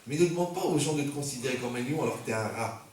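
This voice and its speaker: Joking his way through a sermon, a rabbi peppers his congregation with rhetorical questions in a community center hall. He speaks rapid-fire at a medium pitch, his tone somewhat dark. The mic is distant, catching the hall's echo along with a little background noise.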